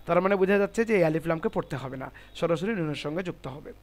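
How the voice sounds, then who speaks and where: A man's voice: on the high side, rapid-fire. A man teaching Quran recitation in an online class, explaining the rules step by step and patiently correcting his students.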